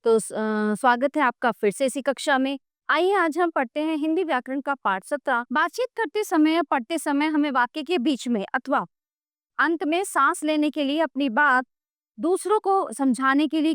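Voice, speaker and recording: A woman's voice: high voice, fairly bright tone, no room sound, clean studio sound. A woman teaching a grammar lesson to children, patient and explanatory, often checking in with "okay".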